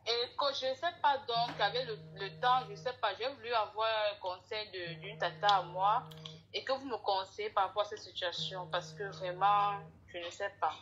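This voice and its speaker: A woman's voice: medium pitch, moderate pace, a bit bright, dull audio. A woman calling in for advice, hesitant and stumbling as she restarts her sentences. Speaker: caller seeking advice.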